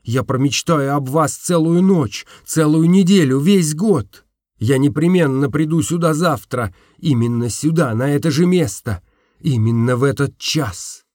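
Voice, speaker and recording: A man's voice: a little high, measured pace, dry recording. Guy narrating a story in first person, dreamy and emotional, dry close sound. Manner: emotional, dreamy, expressive reading.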